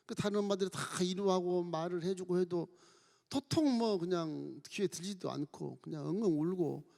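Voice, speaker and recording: A man preaching to his congregation, his voice rising and falling in wide swings as he tells the story. He speaks a little higher than most men. The sound rings out in a large, reverberant church hall. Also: gravelly. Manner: storytelling with lively acted quotes. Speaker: pastor. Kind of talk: sermon. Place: church sanctuary.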